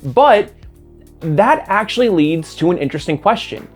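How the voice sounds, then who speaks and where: Sarcastic American man, slightly high voice. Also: big pitch swings, moderate pace, breathy edge, faint music behind. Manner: sarcastic, self-mocking know-it-all. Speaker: video essay host. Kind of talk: scripted commentary.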